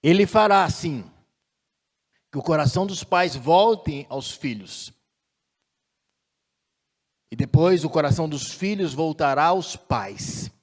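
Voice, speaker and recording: High-voiced preaching man in a reverberant hall. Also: animated. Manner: measured preaching, slowing and swelling on key phrases. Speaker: pastor. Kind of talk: sermon.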